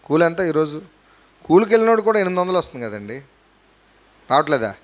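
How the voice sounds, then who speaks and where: A male pastor preaching a sermon with emphasis, swinging between loud and soft and putting rhetorical questions to the congregation. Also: fairly high pitch, big pitch swings, fast.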